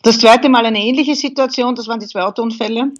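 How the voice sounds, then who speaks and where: A woman's voice: on the high side, fast, highs cut off. A woman, a podcast guest vividly recounting a crash she survived. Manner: vivid, animated storytelling. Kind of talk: interview, telling a survival story.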